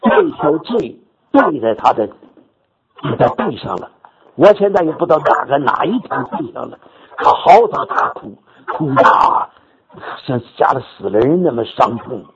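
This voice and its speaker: An older man preacher telling a story in his sermon, animated and repetitive, rising to sudden high exclamations. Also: moderate pace, crowd noise. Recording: dull lo-fi recording with audience noise.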